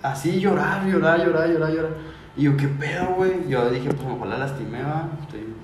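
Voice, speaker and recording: A man's voice: a little high, fairly quick, echoey room, noisy background. Slangy Mexican man telling a story. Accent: Mexican Spanish. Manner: slangy, crude, keeps saying "güey" and "total". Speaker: podcast guest. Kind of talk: casual storytelling. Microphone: podcast mic.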